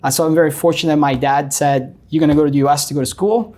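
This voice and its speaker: A middle-aged Brazilian man with a Brazilian Portuguese accent, appearing as an interview guest, tells his story earnestly, filling it with ums and uhs. His voice is a little high, mellow, and steady in tone, and he talks fast.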